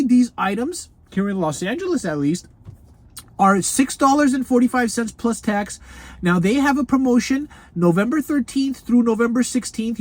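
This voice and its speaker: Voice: mid-range voice, darkish tone, no room sound. A food review show host in a casual, unscripted video, chatty and folksy, often laughing and calling the viewers grandchildren. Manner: chatty and folksy, calls viewers grandchildren, speaks of self in third person; laughs often between remarks. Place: Los Angeles.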